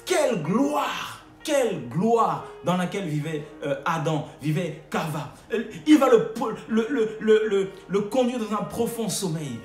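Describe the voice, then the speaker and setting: A man's voice: high voice, big pitch swings, measured pace, few pauses, a little mellow, reverberant, faint music behind. A man preaching a sermon with emphatic repeated refrains and frequent hesitations.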